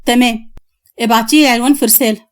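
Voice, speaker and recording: A calm male psychiatrist who speaks steadily and reassuringly, voiced by a woman narrator. The voice stays high and close to her own Egyptian speech. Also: racing, natural voice. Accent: Egyptian Arabic.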